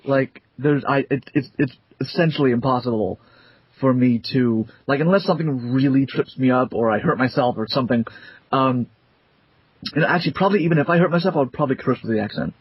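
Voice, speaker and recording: A man's voice: medium pitch, fairly quick, husky, no room sound. A young man, a voice actor, chatting casually and rambling at his desk. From America. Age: young adult. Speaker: voice actor, interviewee. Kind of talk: casual interview chat. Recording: dull, dry lo-fi sound.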